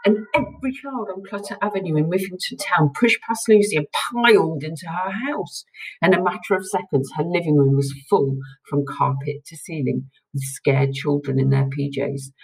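A woman reading a children's book aloud to listeners with expressive storytelling. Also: sits low, normal speed, creaky, slightly rough, poor audio.

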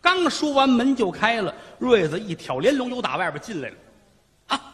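Solo comic storyteller, high pitch, lively swings, rhythmic telling. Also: male voice, moderate pace, long reverb tail. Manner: vivid, rhythmic narration.

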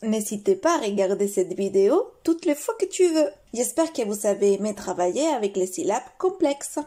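A woman teacher with a French accent reading a phonics lesson, drilling syllables slowly and carefully. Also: medium pitch, sing-song, dark tone.

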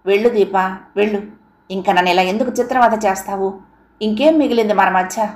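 A woman's voice: medium pitch, brisk, darkish tone, lightly acted. A woman voicing a jilted young man in an audiobook, scornful and bitter, recorded in a roomy echo. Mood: hurt. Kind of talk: audiobook character reading.

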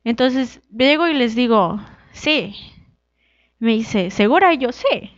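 Young woman telling her story, lively voice. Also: slow, no echo, lo-fi sound. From Mexico. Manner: animated, acts out quoted dialogue with shifting pitch. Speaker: guest, wrestler. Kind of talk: casual interview storytelling.

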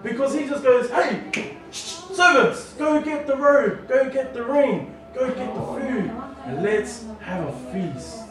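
A man in his thirties from New Zealand, preaching a storytelling sermon on a handheld mic, animated and acting out family dialogue. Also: very high voice, slow, a crowd in the background. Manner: animated, acts out family dialogue with lively gestures. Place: church hall, small room. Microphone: handheld mic, far camera. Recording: echoey hall from far off.

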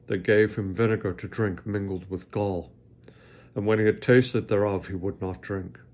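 A man's voice: fairly low pitch, mellow. A man hosting a Bible reading, giving earnest, plain-spoken devotional commentary and reading scripture aloud.

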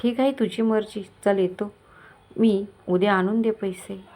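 A woman's voice: medium pitch, fairly even intonation, measured pace, mellow, a little hiss or hum, natural voice. Woman putting on a scheming village moneylender. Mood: coaxing. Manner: coaxing, menacing, falsely kind. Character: scheming lecherous middle-aged village moneylender.

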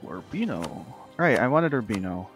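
A man's voice: on the low side, sing-song, moderate pace, faint music behind. A man chatting casually with other players during a multiplayer strategy game, thinking aloud and explaining the game's mechanics. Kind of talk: casual multiplayer gaming chat.

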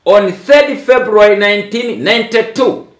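A Tanzanian archbishop in his seventies, with a Tanzanian accent and a voice that sits high, delivers a religious address phrase by phrase for an interpreter. He preaches deliberately and often repeats himself, in a small tiled indoor room that makes the recording echoey.

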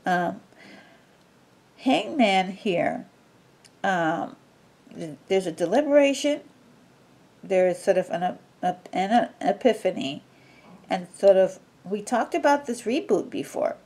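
A woman's voice: mid-range voice, lively intonation, slow, pauses often, mellow. A woman giving a casual tarot reading, talking in a rambling way with many fillers and restarts. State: sneezing from allergies. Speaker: tarot reader.

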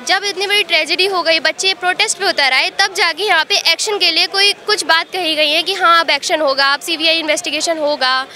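A young woman from Uttar Pradesh, India, studying for the civil service exam, speaks earnestly at a protest into a reporter's handheld mic outdoors, mixing English words into her Hindi. Her very high voice is bright and pushed, fairly quick with few pauses, and there's a little hiss or hum.

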